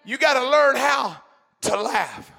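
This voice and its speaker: A man preaching a sermon in a church, fervent and shouting in bursts, punctuated with amens and hallelujahs. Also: extremely high pitch, expressive, takes it slowly, creaky.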